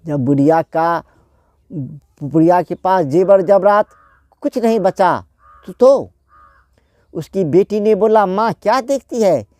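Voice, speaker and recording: A man's voice: high voice, slow, pauses often, warm tone, no echo, studio quality. A man telling a folk tale in a plain, repetitive way, often restarting phrases. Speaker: storyteller.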